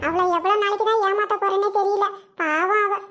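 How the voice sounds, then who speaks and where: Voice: very high-pitched, steady tone, brisk, sharp tone, faint music behind. A performer playing a meek, apologetic young husband who pleads with his wife. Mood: pleading.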